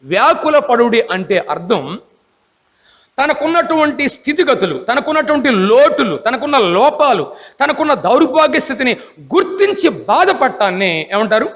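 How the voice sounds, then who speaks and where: A man's voice: very high voice, very animated, normal speed, a bit bright, long reverb tail. A man preaching a Bible class sermon, emphatic, often asking the congregation rhetorical questions.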